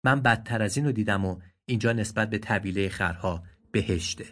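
A man voicing a proud, grieving adult male gazelle in a read-aloud story, in a raised, pleading, indignant voice with a husky tone. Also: fairly low pitch, a bit bright. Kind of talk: storybook voice acting.

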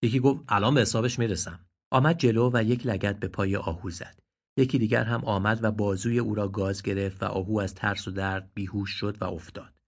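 A man narrating a children's fable as a story reader, in a calm, steady way. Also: lowish voice. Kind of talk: storybook reading.

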